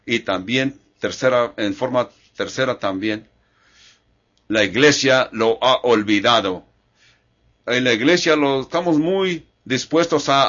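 A man's voice: mid-range voice, fairly bright tone. Older man preaching a sermon, muffled. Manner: earnest, repetitive phrasing with restarts.

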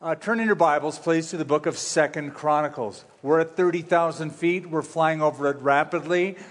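A pastor preaching at a pulpit microphone in a church sanctuary, teaching in a conversational, folksy way with light humor. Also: male voice, a little high, normal speed. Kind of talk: sermon teaching. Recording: long reverb of a large hall.

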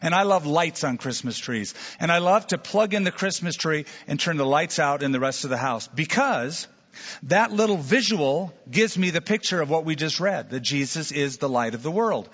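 Husky-voiced preacher in a reverberant hall. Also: male voice, a little high, a bit bright, highs cut off. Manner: storytelling preacher, acts out imagined voices. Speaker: pastor. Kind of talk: sermon.

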